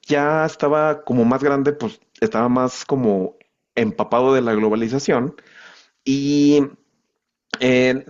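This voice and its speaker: A man with a Mexican accent, speaking at a medium pitch as a guest in a relaxed interview. He talks haltingly, stopping and restarting often. The audio is a little dull and lo-fi. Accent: Mexican, non-central. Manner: halting, many pauses and restarts. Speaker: podcast guest. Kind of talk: casual conversational interview.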